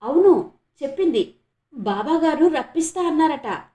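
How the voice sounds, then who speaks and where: A woman's voice: a little high, normal speed, a little mellow, reverberant, close to an everyday voice. A woman voicing an eager, trusting schoolgirl in an audiobook, talking in an earnest, breathless way.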